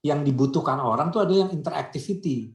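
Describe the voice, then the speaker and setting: A man's voice: on the high side, lively intonation, quick pace. Chatty man explaining in a roomy call. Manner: chatty, explains with anecdotes and rhetorical questions. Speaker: radio industry guest speaker. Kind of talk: casual conversational discussion. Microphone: video call.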